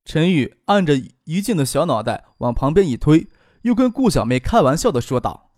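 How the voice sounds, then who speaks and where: Guy reading a novel out loud, lively swoopy pitch, warm darkish voice, dry mic. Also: normal speed, no echo. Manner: voices women and girls in a softer, higher register. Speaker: narrator. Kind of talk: audiobook narration with character voices.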